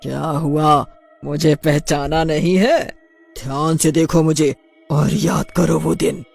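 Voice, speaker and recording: A woman voicing a vengeful female witch-faced lizard that taunts slowly and cackles. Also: low-pitched, steady tone, gravelly, darkish tone, husky, soft background music, heavily acted. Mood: taunting. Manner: slow, drawn-out taunting with cackling laughs.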